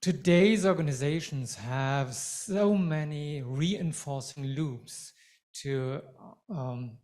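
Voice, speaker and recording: A man in the audience asking a measured, deliberate question. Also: on the high side, darkish tone.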